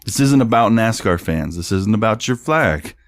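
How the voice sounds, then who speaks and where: A young man co-hosts a casual sports podcast with a deep, low-pitched voice. He talks bluntly, swears freely and laughs as he reads posts aloud. The sound is dry and close to the mic. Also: expressive, moderate pace, no echo. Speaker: podcast co-host.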